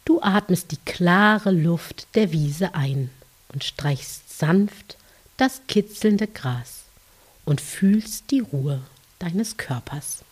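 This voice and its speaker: A woman softly narrating a guided dream journey for children in a gentle, soothing, hushed voice, with long pauses and a scripted, meditative delivery. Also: on the low side, lively intonation. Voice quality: soft, breathy, hushed, at times near whisper.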